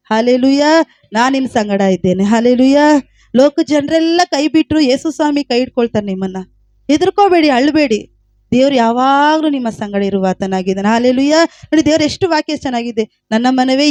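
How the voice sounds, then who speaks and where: High-voiced fervent woman preacher. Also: mellow, no room sound. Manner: repetitive, fervent, many hallelujahs. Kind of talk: sermon and led prayer.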